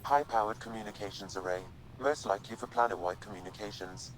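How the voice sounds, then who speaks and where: Man voicing a low, formal AI assistant. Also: a little hiss or hum, natural voice, poor audio. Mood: calm, analytical. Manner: formal, measured, unemotional. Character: calm, precise male artificial intelligence assistant. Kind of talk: video game dialogue.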